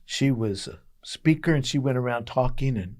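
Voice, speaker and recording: Earnest man telling a devotional story. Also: mid-range voice. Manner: earnest storytelling with emphatic pauses. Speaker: pastor. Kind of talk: daily devotional message.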